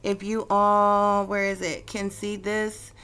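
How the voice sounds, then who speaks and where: Woman host, mid pitch, casual spoken lecture full of fillers and "okay?" check-ins. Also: completely flat delivery, slow pace, a bit bright, clean tone. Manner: repeats "okay?" often, with many fillers and restarts. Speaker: spiritual video host.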